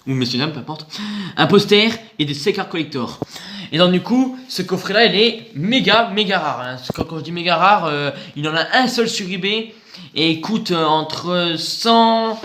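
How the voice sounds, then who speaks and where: A man's voice: on the high side, expressive, normal speed, a bit bright. A man chatting casually while unboxing purchases, rambling and joking, repeating himself. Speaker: video host showing purchases. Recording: echoey room, faint noise.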